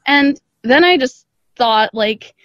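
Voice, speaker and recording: A young woman, an audio drama creator, calls in remotely from a dry room as a podcast guest and chats casually at length, poking fun at herself. Her voice sits high and is animated, slow-paced and fairly bright, with no echo. The call audio is slightly dull and band-limited.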